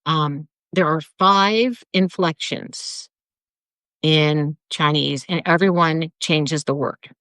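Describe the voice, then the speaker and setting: Low-voiced woman explaining haltingly. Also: a bit bright, dry recording. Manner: halting, explains with many restarts and fillers. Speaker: co-host. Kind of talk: casual chat.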